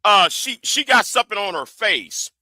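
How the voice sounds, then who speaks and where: A man's voice: high-pitched, expressive, moderate pace, bright, forceful tone, no echo. A man hosting an informal livestream rant, stammering and often repeating the starts of his phrases. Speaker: livestream host.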